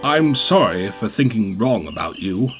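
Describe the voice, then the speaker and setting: A man's voice: fairly low pitch, big pitch swings, a little slow. A man voicing a pompous, huffy big male express engine. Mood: ashamed. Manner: huffy, self-important. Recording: music bed behind.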